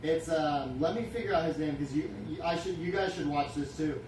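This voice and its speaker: A man's voice: fairly high pitch, brisk, a little mellow. Man co-host, very echoey and distant. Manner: hesitant, groping for words, enthusiastic. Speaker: show co-host, interviewer. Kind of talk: casual interview chat. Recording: very echoey room, distant mic, noisy.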